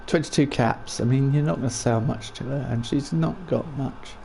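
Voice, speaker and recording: A man with a croaky voice hosts a gaming livestream in a chatty, rambling, self-deprecating way. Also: mid-range voice, normal speed, warm tone, a little hiss or hum. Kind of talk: casual livestream game commentary.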